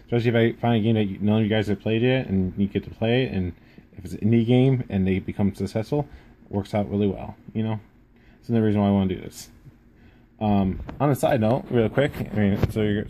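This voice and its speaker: Speaking from home in a casual, self-effacing vlog, a gaming YouTuber introduces himself to the camera and tends to ramble. He has a dark, lowish voice with fairly even intonation, plus a lisp that drags out and slurs his S sounds a little. The room noise is noticeable.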